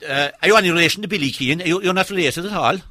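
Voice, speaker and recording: A man's voice: high voice, rapid-fire, sharp tone, no room sound, studio quality. A man with a southwestern Irish accent hosting a casual radio interview, chatty and given to interjecting and repeating himself. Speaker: radio host.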